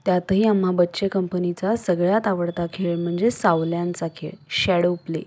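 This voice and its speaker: A cheerful middle-aged mother from a storybook, as the woman reading puts her on. Her voice is mellow and soft-edged, and she speaks in a coaxing, nostalgic way, like someone recalling childhood games. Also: lowish voice, flat delivery, moderate pace, close to an everyday voice. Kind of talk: storybook narration.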